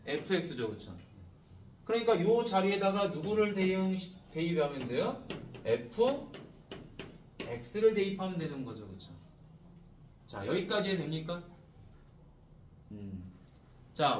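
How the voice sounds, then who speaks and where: A man teaching high school math as a classroom lecture, constantly checking in with his students through short prompting questions. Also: echoey room, recorded from a distance, a little hiss or hum.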